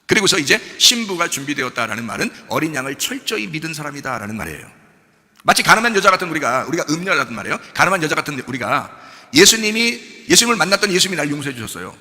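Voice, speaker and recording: A male pastor delivers a dramatic sermon, moving from loud, urgent outbursts to hushed, tender passages as he acts out scenes. His voice is bright and forceful and rushes along at a quick pace. A long reverb from a large church hall trails his words. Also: a little high, very animated. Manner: dramatic preaching, acting out quoted dialogue, swinging from loud to hushed. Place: church sanctuary.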